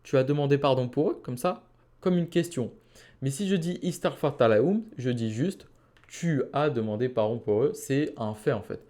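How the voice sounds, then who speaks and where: A man teaching a Quranic Arabic lesson, patiently explaining and reciting Arabic phrases slowly. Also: mid-range voice, mellow.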